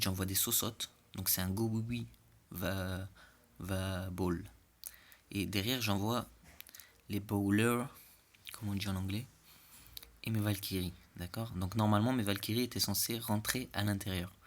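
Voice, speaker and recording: A man's voice: fairly low pitch, fairly bright tone. A man giving casual, joking commentary over game replays, chatty and often checking in with the listener. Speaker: clan war replay commentator.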